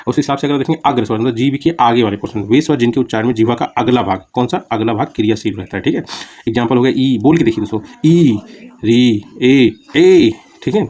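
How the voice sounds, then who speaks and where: A man teaches Hindi grammar for exam preparation, explaining terms plainly with repeated examples and checking in often with his students. He talks fast, constantly saying "ठीक है" and "दोस्तों". His voice is mid-range with a darkish tone.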